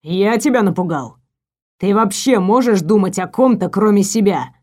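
A woman voicing an angry, menacing young stepbrother who talks low and mocking. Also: normal speed, darkish tone, lightly acted.

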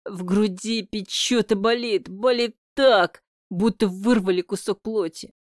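Audiobook reader, first-person romance, slow and smooth, close dry studio mic. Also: mid-range voice, fairly even intonation, dry recording. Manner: intimate, emotional first-person telling. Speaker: audiobook narrator.

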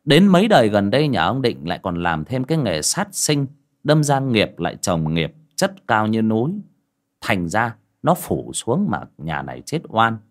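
A man narrating a ghost story audiobook with expressive storytelling. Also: on the low side, normal speed. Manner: storytelling with expressive rises and falls. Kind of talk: scripted narration.

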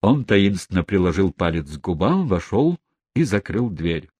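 A man reads the narration of a novel aloud in a low, slightly husky voice. His pace is measured and even. The sound is dry and close to the mic. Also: dry recording. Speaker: audiobook reader. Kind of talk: scripted audiobook narration.

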